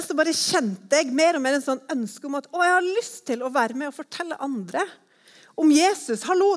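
A woman giving a personal testimony, telling her story in a lively way and acting out her own thoughts as quotes. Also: fairly high pitch.

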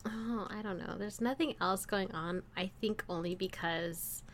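Gravelly, bright-voiced woman. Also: mid-range voice, a little slow, slight background noise. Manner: easygoing, laughs often. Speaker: podcast co-host. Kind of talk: casual chat.

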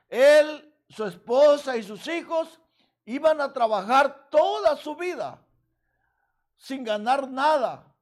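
A man preaching a sermon, retelling a parable slowly and earnestly. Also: very high voice.

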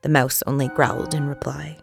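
A woman narrating a storybook in a measured, expressive way. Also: very deep voice, gravelly, faint music behind. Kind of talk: storybook reading.

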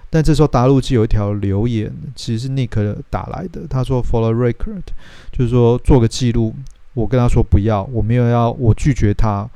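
A man's voice: mid-range voice, brisk, dark tone, clean tone, dry recording. A man, telling the plot of a film in a casual, chatty way and acting out the characters' lines. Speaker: host retelling a film plot. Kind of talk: casual storytelling film recap.

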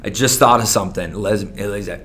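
A man's voice: fairly low pitch, a little fast, fairly bright tone, a little hiss or hum. A man, a restaurant server, ranting profanely and with animation in casual conversation.

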